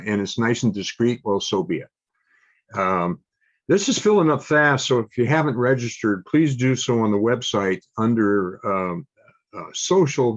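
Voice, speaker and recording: A man's voice: on the low side, highs cut off. An older man hosting a club meeting and reading out announcements, stopping often with ums and uhs. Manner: halting, many ums and uhs. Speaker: meeting host.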